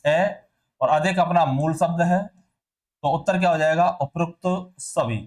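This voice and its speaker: A man's voice: on the high side, steady tone, unhurried, darkish tone. A male teacher going through test answers, asking questions and answering them himself, and repeating sounds to show how they are said. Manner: repeats sounds and words to demonstrate pronunciation. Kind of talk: exam answer walkthrough lesson.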